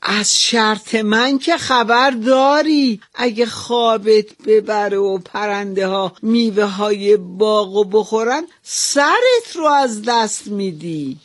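A woman voicing a stern king in a folk tale, speaking slowly and deliberately. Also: mid-range voice, lively intonation, natural voice. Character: stern male king, quick to anger.

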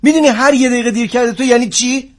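An actor playing a stern middle-aged police officer who is also an uncle, talking in a gruff, scolding way, in a radio drama. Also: male voice, medium pitch, animated, darkish tone, close to an everyday voice.

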